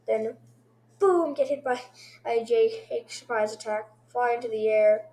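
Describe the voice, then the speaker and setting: A woman casually reviewing episodes one by one, rambling excitedly and throwing in sound effects like boom. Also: a little slow.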